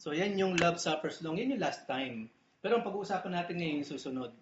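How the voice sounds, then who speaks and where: A man's voice: fairly high pitch, lively intonation, a little fast, heavy background noise. A man preaching a casual, joking sermon in a church, often asking his listeners "di ba?". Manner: chatty, joking, asks "di ba?" often. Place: church hall. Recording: echoey, muffled church recording.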